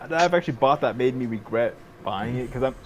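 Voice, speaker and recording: A man's voice: mid-range voice, animated, fast talker, crowd noise, poor audio. A man in his late twenties chatting on a podcast, hesitant, swearing often and filling gaps with "um". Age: 20s. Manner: hesitant, profane, many ums. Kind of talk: casual chat.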